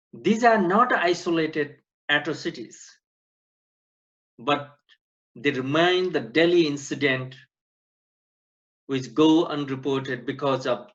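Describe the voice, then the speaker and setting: A man from Nepal, president of an organization, giving a slow, earnest prepared welcome speech to an online conference. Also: on the high side, a bit bright. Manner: slow, deliberate, earnest delivery. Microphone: video call. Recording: dull lo-fi online conference audio.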